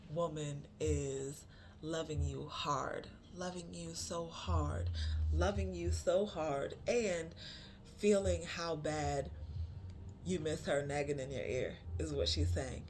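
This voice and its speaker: A spiritual card reader giving a channeled reading to viewers, repeating phrases for emphasis, with many pauses and fillers. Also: medium pitch, darkish tone, a little hiss or hum. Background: music.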